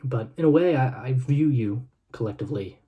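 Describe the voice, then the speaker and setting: A man hosting his own video, reading scripture and reflecting on it in an earnest, sermon-like monologue with a solemn, measured, heartfelt delivery. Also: mid-range voice, lo-fi sound. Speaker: food review video host.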